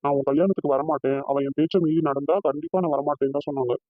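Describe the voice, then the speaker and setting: A man voicing a loving young fiancé in a cartoon, gentle and reassuring. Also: a little high, level tone, breathy edge, no echo, narrow, tinny audio. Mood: earnest. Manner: gentle, reassuring, fast-talking. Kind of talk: cartoon voice acting.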